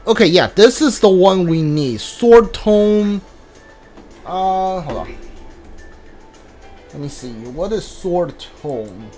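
A man with a high, expressive but darkish voice narrates a casual game playthrough at a slow pace with long pauses. He reads on-screen text aloud and mumbles while thinking, as video game music plays.

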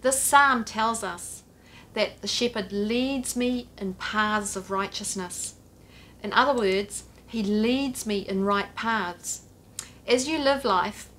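A middle-aged pastor delivers a home church sermon straight to camera from her sofa, earnest and gesturing as she talks. Her voice is mid-range with a sharp tone, recorded by a camera a few feet off framing her head and shoulders, with slight hiss or hum.

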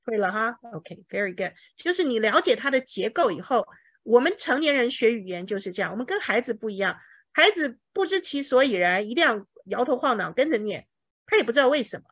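A woman teacher with a lively, swooping voice, a little high for a woman. She patiently explains pronunciation and repeats words slowly, syllable by syllable, for her class. The sound is dry and close. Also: dry recording. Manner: explains patiently with homely comparisons. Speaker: English teacher. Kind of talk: language lesson.

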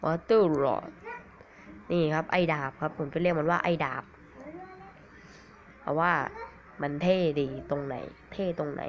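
A man with a cold giving rambling, excitable commentary on a mobile game, swearing at it now and then. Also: fairly high pitch, unhurried, long pauses. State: has a cold. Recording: dull lo-fi recording with faint hiss.

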